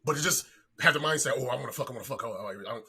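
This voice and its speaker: A podcast guest in his forties speaks in a mid-range voice at a racing pace, with a crowd audible behind him. He chats casually and shares personal anecdotes, using profane slang and repeating himself often.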